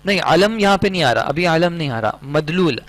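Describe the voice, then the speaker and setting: A man's voice: a little high, animated, fairly quick, poor audio. A man teaching Arabic grammar in an online lecture, patiently explaining with many everyday examples.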